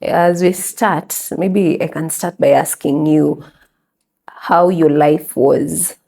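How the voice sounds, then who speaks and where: A woman hosting an interview podcast, soft-spoken and affirming as she asks her questions. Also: low-pitched, steady tone, takes it slowly, gravelly. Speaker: podcast host.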